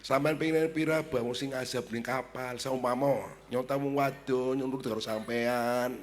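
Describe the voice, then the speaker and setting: A man with a Brebes Javanese accent giving a humorous sermon, telling stories and acting out dialogue with shouts and laughs. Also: mid-range voice, fairly even intonation, normal speed. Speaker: preacher. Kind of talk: humorous sermon at a family gathering. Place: large hall at a family gathering. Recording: long hall reverb.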